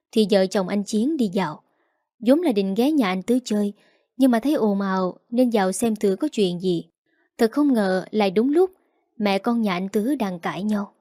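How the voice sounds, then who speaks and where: Casting: woman narrator for a storybook, steady reading, dry close sound. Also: medium pitch, dry recording.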